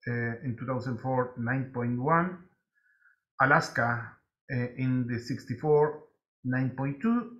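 Chilean-accented man, native Spanish speaker, mid-pitched, halting conference presenter, muffled lo-fi audio. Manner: halting, many filler pauses.

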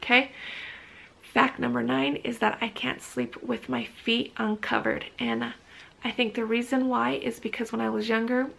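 A woman's voice: on the high side, level tone, normal speed, creaky, a bit bright, poor audio. A woman in her thirties chatting casually to camera from a living room sofa, rambling with frequent restarts and ums. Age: 30s. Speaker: vlogger.

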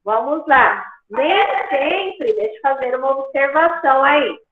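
A woman teacher gives a patient online grammar lesson, pausing to check that the class follows along. Her voice is high and swoops a lot, and she speaks slowly. It comes through a tinny, phone-like line from an echoey room. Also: lively intonation. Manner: patient, repeats points with "tá?".

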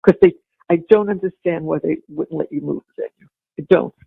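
An older woman talking casually over a tinny payphone line, husky and gravelly, hesitant with restarts. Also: sits low, a little fast, no echo. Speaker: caller on a recorded jail phone call. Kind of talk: casual phone conversation. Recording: dry, tinny phone-line audio.

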